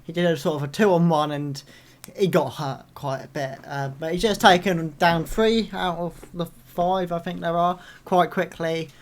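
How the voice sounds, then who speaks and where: Brief: young male reaction host, chatty and excitable, loud outbursts, swears. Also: on the high side, a little slow. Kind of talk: live reaction commentary.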